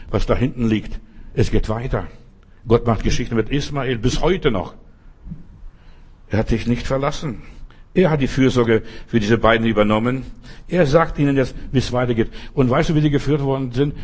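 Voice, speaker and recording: A man's voice: medium pitch, a little mellow, husky. A man preaching a sermon, addressing listeners directly with emphasis and repeated phrases.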